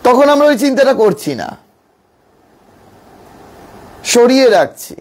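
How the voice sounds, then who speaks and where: High-voiced monk teaching in slow measured tones. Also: male voice. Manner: calm, measured, often slowing and dropping low on key points; repeats phrases for emphasis. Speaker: monk teaching spiritual practice. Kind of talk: devotional teaching talk.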